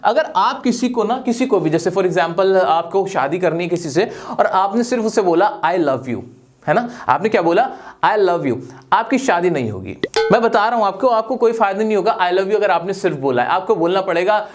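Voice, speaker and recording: A male teacher with a fairly high voice runs a grammar class. He fires questions at his students, answers them himself, and stretches each example sentence out slowly, with light jokes along the way. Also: expressive.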